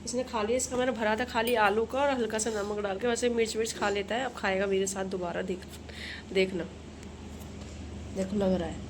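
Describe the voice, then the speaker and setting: A young woman talks through her household chores in a relaxed, rambling vlog. Her voice sits at an ordinary middle pitch. The phone camera picks up a faint wash of home background noise. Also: a little fast. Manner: chatty, rambling, talks while doing chores. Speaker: vlogger. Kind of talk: casual home vlog chat. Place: home kitchen and rooms.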